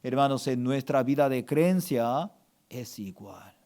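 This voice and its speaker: A man's voice: mid-range voice, expressive, slow, darkish tone. A male pastor preaching a sermon with emphatic call-and-response, asking the congregation to repeat after him.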